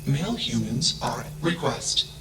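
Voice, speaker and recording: A man voicing a flat emotionless AI. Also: mid-range voice, a little slow, lightly acted, low-quality recording. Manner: clipped one-word status reports. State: flat emotionless machine-like delivery. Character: emotionless male artificial intelligence, detached and logical. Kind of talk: video game voice acting.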